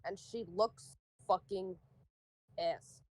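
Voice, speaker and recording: Lady dm narrating slow, swears a lot, laughs a bunch. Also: medium pitch, darkish tone, no room sound, poor audio. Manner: swearing, laughs often, playful. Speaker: game master. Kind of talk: narrating a tabletop game.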